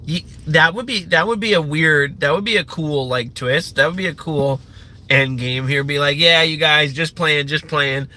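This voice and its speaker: Ranting live on stream, a young man swears freely and drifts from point to point with lots of fillers. His voice sits a little high, pushed and bright, at a moderate pace.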